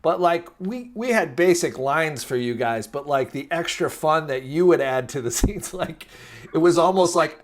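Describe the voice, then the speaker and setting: A man interviewing casually, telling anecdotes in an animated, chatty way. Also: on the high side, normal speed, slight background noise. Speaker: interviewer, filmmaker.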